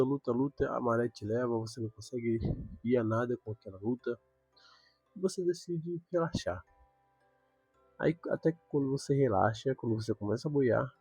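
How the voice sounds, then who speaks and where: A young man gives an earnest devotional talk, leaning on repeated words to drive his point home. His voice is gravelly and a little husky, with a dark, mellow tone. The recording is dry and close, with soft music underneath. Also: medium pitch, no room sound.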